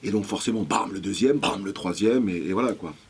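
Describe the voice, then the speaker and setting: A man, a voice actor guest in an interview, telling lively anecdotes and swearing casually. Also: lowish voice, fairly quick.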